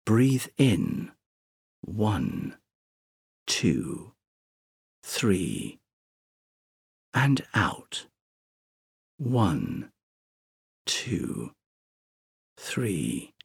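A man with a low, gravelly, slightly husky voice guides a sleep meditation at an extremely slow pace, counting breaths with long pauses. His pitch rises and falls widely across each soothing phrase. The recording is close and dry. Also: wildly swooping pitch, dry recording.

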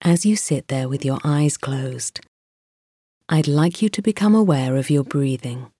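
A woman guiding a mindfulness meditation in a slow, soft, soothing voice with pauses. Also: sits low, breathy edge, dry recording, studio quality. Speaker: meditation guide.

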